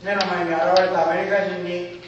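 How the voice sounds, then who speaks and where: A man telling a personal story as a formal, dramatic speech, with emotive pauses and stately phrasing. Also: high voice, flat delivery, slight background noise. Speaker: speaker. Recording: echoey hall from far off, dull.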